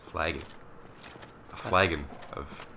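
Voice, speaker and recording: A man's voice: rumbling low, steady tone, slow, noisy background. A young man commentating a video game with a friend, casual and rambling, often frustrated and swearing. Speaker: let's play commentator. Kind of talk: casual gaming banter.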